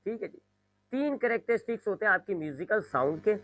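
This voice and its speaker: A man teaching a physics lesson, explaining slowly and repeating his points, now and then imitating sounds. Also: high voice, animated, fairly bright tone, no echo, lo-fi sound. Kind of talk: classroom lecture.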